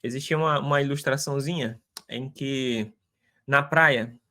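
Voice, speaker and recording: A man's voice: mid-range voice, measured pace, bright, forceful tone, a little hiss or hum. A man giving an informal Bible lesson, talking conversationally, repeating phrases and checking in with tag questions. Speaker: Bible teacher.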